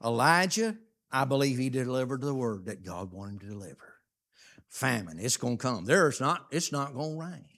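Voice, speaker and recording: A man preaching a folksy, plainspoken sermon, reading scripture aloud and stressing words with drawn-out emphasis. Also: mid-range voice, sing-song, a bit bright.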